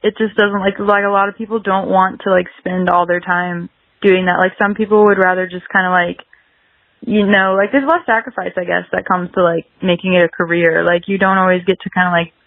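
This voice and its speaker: Speaking a little fast in a steady, mid-range voice, a young South Carolina musician in her early twenties is a casual interview guest with an American accent. The sound is phone-quality without echo, and her speech is full of hedges and very frequent "like"s.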